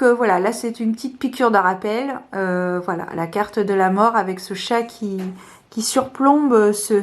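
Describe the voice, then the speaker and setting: A woman casually showing her favourite tarot cards, talking hesitantly with many fillers. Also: mid-range voice. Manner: slow, soft-spoken. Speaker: tarot vlogger.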